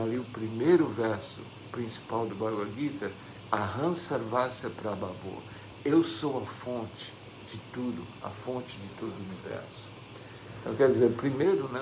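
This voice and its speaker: A man's voice: on the low side, background noise. A man with a Brazilian Portuguese accent giving a religious class, reading scripture and commenting. He repeats phrases and keeps asking "não é?" to his listeners. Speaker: religious teacher. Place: devotional center hall.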